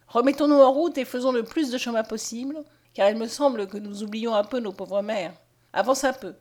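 A woman voicing a gentle, weary young man with weak eyesight who speaks earnestly. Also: on the high side, close to an everyday voice. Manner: earnest, pleading.

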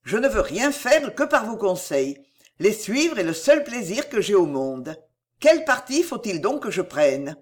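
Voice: mid-range voice, sing-song, measured pace. A reader voicing an ardent young man, earnest and imploring, in an audiobook of a classic novel.

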